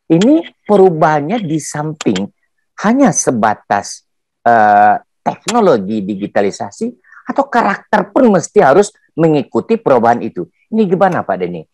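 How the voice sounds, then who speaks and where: A man's voice: mid-range voice, a little mellow, slight background noise. Hesitant formal man asking a question. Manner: formal, hesitant, many fillers. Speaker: seminar participant asking a question.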